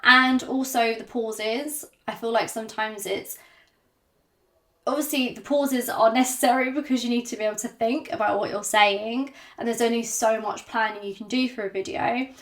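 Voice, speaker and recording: A woman vlogging to camera without a script, hesitant and self-conscious, with many ums and pauses, and slightly out of breath. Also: on the high side, fairly even intonation, fairly bright tone. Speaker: YouTuber. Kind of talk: unscripted talk to camera.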